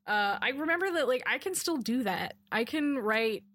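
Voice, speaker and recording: A woman co-hosting a podcast in casual chat, animated, laughing often and swearing freely, recorded over a Skype call. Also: fairly high pitch, moderate pace, slight background noise. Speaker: podcast co-host.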